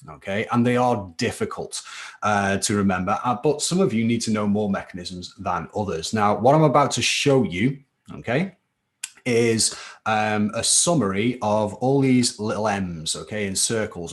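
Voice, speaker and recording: A man teaching chemistry in a live online class, chatty and informal, checking in with "okay?" after each point. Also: fairly low pitch. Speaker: chemistry tutor. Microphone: computer mic for a live stream.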